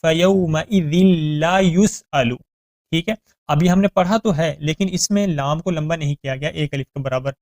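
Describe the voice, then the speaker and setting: A man teaching Quran recitation, explaining reading rules in plain talk, spelling out letters syllable by syllable and reciting verses slowly and melodiously. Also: on the high side, fairly even intonation, darkish tone, dry recording, clean studio sound. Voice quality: smooth, clear voice.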